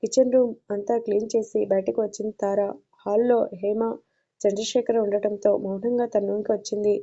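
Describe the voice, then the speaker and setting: Female narrator for an audio story, monotone, dark, muffled sound. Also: medium pitch, fairly quick.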